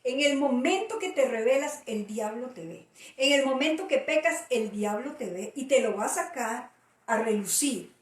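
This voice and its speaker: A woman's voice: sits high, expressive, normal speed. A middle-aged woman pastor preaching in an emphatic way, repeating key phrases for weight. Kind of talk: preaching talk. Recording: roomy audio from a distant mic.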